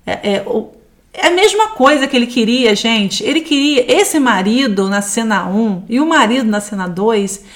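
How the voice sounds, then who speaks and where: A woman's voice: a little high, lively intonation, moderate pace, hardly any pauses. Brazilian woman teaching from scripture. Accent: Brazilian Portuguese. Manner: reflective, quotes scripture, asks the audience questions. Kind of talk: devotional teaching talk.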